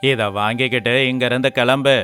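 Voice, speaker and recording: A man voicing a harsh, stingy employer in an animated story, with a scornful, scolding delivery. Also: medium pitch, fairly quick, soft background music, natural voice.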